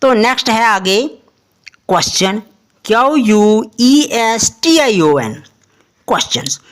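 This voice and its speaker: A woman teaching English pronunciation in Hindi, spelling out letters slowly and asking the listener questions as she explains. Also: a little high, expressive. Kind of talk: explanatory lesson.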